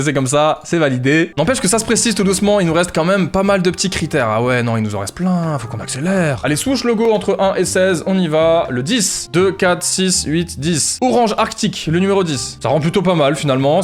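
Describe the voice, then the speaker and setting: Fast-talking excitable man. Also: a little high. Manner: fast, excitable, swearing, jokey asides. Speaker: YouTuber. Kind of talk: casual vlog commentary.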